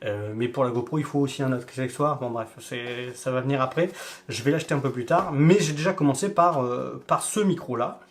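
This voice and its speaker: A man's voice: mid-range voice, brisk. A man filming a casual unboxing vlog, speaking straight to the viewer in a chatty, informal way through a camera-mounted shotgun mic. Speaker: vlogger reviewing gear.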